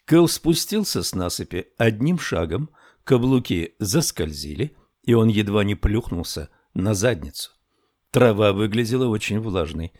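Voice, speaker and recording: A man narrating a thriller audiobook in a slow, measured storytelling manner. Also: fairly low pitch, darkish tone, dry recording, clean studio sound.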